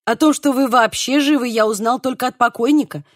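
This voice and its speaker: A woman's voice: on the high side, brisk, dry recording, clean studio sound, close to an everyday voice. Woman reading as a patient plain-spoken village man. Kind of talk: audiobook reading.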